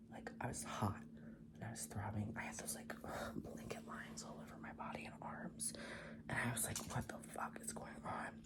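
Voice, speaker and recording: A twenty-year-old man chatting in a whispered ASMR style while doing makeup, rambling casually and swearing often. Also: medium pitch. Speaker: ASMR creator.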